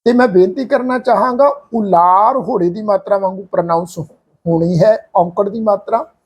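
A man with an earnest, explanatory manner, teaching the correct pronunciation of scripture and slowly chanting example lines. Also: sits high, breathy edge. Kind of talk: religious pronunciation lesson.

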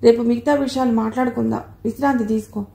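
A woman reading aloud voices a poor husband on crutches who speaks softly and consolingly. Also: on the high side, steady tone, quick pace, creaky. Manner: soft, consoling. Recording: roomy echo.

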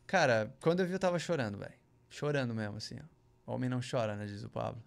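Fast, expressive, and gravelly, a medium-pitched man tells a long, casual story as a guest on a podcast. His rambling, slang-filled telling is full of "cara" and "velho" asides, and he voices other people's lines louder.

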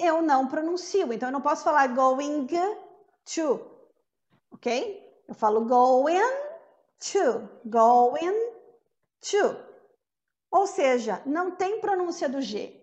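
Woman, teacher, high voice, slow and patient, models each sound. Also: muffled recording. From Brazil. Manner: patient, repeats words slowly to model sounds. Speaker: English teacher. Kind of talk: classroom pronunciation lesson.

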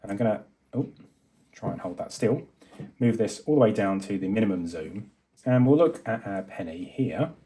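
A man with a low, dark, expressive voice walks through a hands-on electronics demo at his indoor desk, where a microscope and monitor sit. Speaking at a moderate pace, he muses aloud as the video's host, with fillers and self-corrections.

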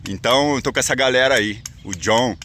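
A man's voice: mid-range voice, fairly quick, bright, forceful tone. A Brazilian man in his forties, vlogging to his phone outdoors by a rail yard, chatty and upbeat, repeating phrases as he talks to his viewers. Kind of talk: casual travel vlog to camera. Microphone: phone held at arm's length. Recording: noisy outdoor phone recording. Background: outdoor ambience and vehicles.

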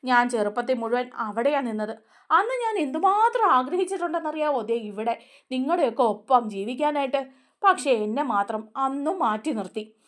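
A woman voicing a drunk, hurt son who pleads slowly and tearfully about being left out. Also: sits high, animated, fairly bright tone. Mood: hurt, pleading. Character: grieving drunk man, hurt middle son.

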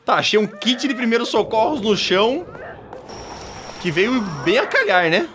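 A Brazilian man giving excitable, slangy let's play commentary as a gaming youtuber. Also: high-pitched, moderate pace, noisy background. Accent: Brazilian Portuguese.

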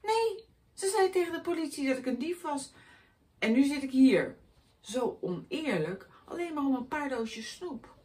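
A woman's voice: high voice, animated, a little slow, darkish tone, far from the mic. A woman voicing a dim, self-pitying man who once packed candy, whiny and indignant, in a raised voice.

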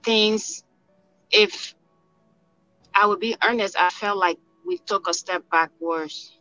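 A woman's voice: medium pitch, takes it slowly, pushed and bright, faint music behind. A woman from Liberia, a nurse volunteer, earnestly recalling her return home in a video call interview. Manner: earnest, emotional recollection. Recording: dull lo-fi call audio.

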